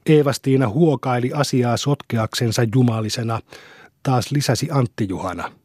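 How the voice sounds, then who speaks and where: Brief: male audiobook reader, husky voice, mid pitch, measured delivery. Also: dry recording, studio quality. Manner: even, measured storytelling. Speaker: narrator. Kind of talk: audiobook narration.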